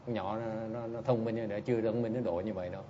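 A man's voice: fairly low pitch, fairly even intonation, quick pace, warm tone, highs cut off, a little hiss or hum. A man giving a dharma talk as a Buddhist teacher, speaking bluntly and in a teasing way as he answers listeners and keeps prompting them with short questions.

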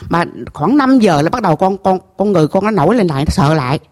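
This temple visitor, a middle-aged woman with a Southern Vietnamese accent, shares an emotional personal story at a gathering in a lowish, animated, slightly mellow voice. Earnest and halting, she repeats herself and keeps speaking directly to the master.

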